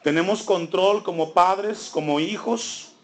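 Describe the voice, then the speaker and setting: A man's voice: high-pitched, slow pace. A man preaching a sermon, asking the congregation rhetorical questions and building his emphasis. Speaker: pastor.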